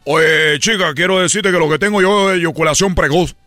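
Un hombre imitando a un cubano parlanchín. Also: male voice, high-pitched, normal speed, bright, forceful tone, dry recording, soft background music, pitched below the performer's own voice. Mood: breezy. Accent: Cuban Spanish impression. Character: chatty Cuban man, breezy and relaxed.

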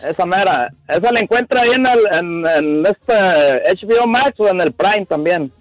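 A man with a Mexican accent calling in to a radio show, talking in quick, slangy, chummy bursts. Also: high voice, expressive, rough recording. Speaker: radio caller. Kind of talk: casual call-in chat.

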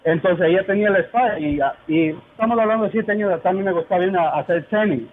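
A man's voice: sits high, quick pace. A male caller on the phone, hesitant and full of fillers as he tells a story. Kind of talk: phone call to a radio show. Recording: tinny phone line with faint noise.

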